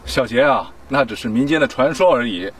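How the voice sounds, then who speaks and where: A man's voice: mid-range voice, expressive, a little fast, slightly rough. A patient cheerful father. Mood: explaining. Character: patient, cheerful father guiding his daughter. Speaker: father in a teaching drama.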